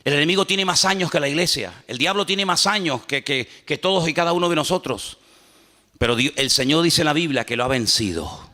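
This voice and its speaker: A man preaching a sermon as a pastor, animated and humorous, acting out little dialogues. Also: on the high side, a little fast. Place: church. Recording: church hall reverb.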